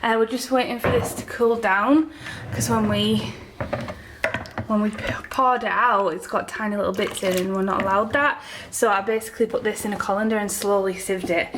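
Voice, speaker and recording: A woman's voice: medium pitch, fairly even intonation, normal speed, noisy background. A young woman chatting casually to camera in a vlog, a little tired and out of breath, rambling with fillers. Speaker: vlogger.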